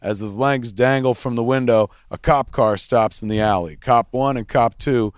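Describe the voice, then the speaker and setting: A man narrates the action lines of a comedy script, joking and rambling as he stumbles over the odd word. His voice sits at a middle pitch, and the sound is dry and close. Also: moderate pace, smooth, no room sound. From New Jersey.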